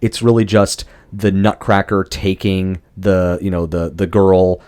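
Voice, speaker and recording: Young male podcast co-host, low voice, exasperated ranting reviewer with a loose mouth. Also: level tone, measured pace, a little mellow, clear, resonant tone. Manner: ranting, exasperated, swears freely. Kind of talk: casual movie review chat.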